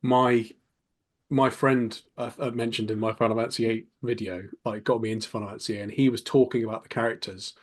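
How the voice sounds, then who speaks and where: Podcast host guy, kinda husky, chatty, gets into tangents. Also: mid-range voice, steady tone, a little fast. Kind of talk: casual podcast chat.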